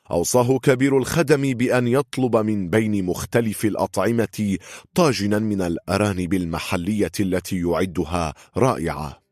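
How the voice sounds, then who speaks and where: A man narrating an audiobook in a steady, measured reading voice. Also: on the low side, no room sound, studio quality.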